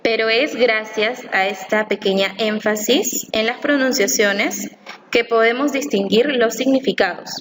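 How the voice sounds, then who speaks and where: A woman reading a scripted lesson aloud, slowly and carefully, stressing each syllable she explains. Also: fairly high pitch, fairly bright tone. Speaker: teacher. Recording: long reverb, faint room noise.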